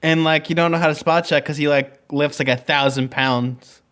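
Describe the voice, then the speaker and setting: A man with a voice somewhat higher than most men's. He talks casually as a podcast co-host, playful and quick to react in an informal way. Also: steady tone, a bit bright, clear, resonant tone. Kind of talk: casual chat.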